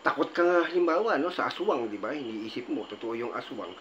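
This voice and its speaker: A man's voice: medium pitch, expressive, a little fast, a bit bright, highs cut off, a little hiss or hum. A man giving casual advice as a video host, rambling and checking in with tag questions.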